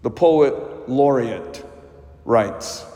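A man, a priest, reading the gospel and preaching a homily in a slow, measured way inside a large church. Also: mid-range voice, expressive, mellow. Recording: long echoing church reverb.

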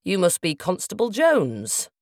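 A woman's voice: on the low side, wildly swooping pitch, a little slow, dry recording, studio quality, exaggerated voice. Woman voicing a stern, clipped police inspector. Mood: brusque. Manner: clipped, sharp, sarcastic.

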